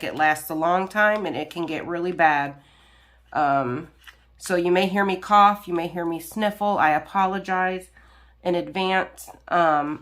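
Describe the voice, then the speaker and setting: Low-voiced, stuffy-nosed woman chatting. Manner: rambling, many ums and restarts. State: congested, nasal from a cold. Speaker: crafting channel host. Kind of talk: casual chat while diamond painting.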